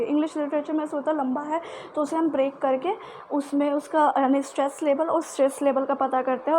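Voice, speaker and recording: A woman's voice: sits high, darkish tone, slight background noise. A woman teaching a lesson, going over key terms again and often checking in with an okay. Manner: slow, halting delivery with fillers and restarts. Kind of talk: explanatory lesson for students.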